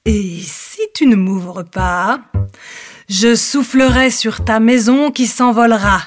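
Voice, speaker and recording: A woman voicing a sly, menacing big bad wolf in a storybook reading, drawing out each word slowly. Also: a little high, soft background music. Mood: threatening. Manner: slow, drawn-out, falsely sweet then threatening.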